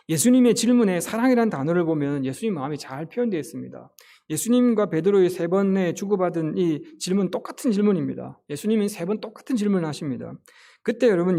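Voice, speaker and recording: A male pastor delivers an earnest sermon and keeps asking the congregation rhetorical questions. His voice sits high for a man, with a gravelly edge and a dark, mellow tone. He talks fast.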